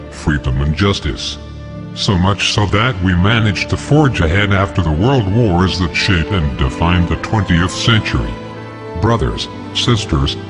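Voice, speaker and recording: Over background music, a man uses a deep, pitched-down disguised voice to read a scripted manifesto, declaiming it defiantly.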